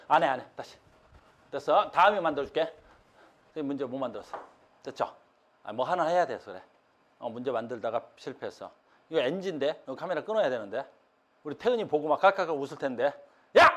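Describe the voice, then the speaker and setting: A man teaching high school science in a classroom, talking casually with blunt slang and poking fun at himself in front of the students. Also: a little mellow. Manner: blunt, slangy, self-mocking banter with students.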